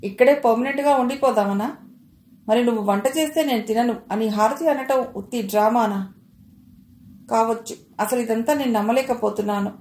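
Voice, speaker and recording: Scolding older mother-in-law, read by a woman, accusing tone, slightly high voice, roomy echo. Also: normal speed, darkish tone, natural voice. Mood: indignant. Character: older mother-in-law, suspicious and sharp-tongued.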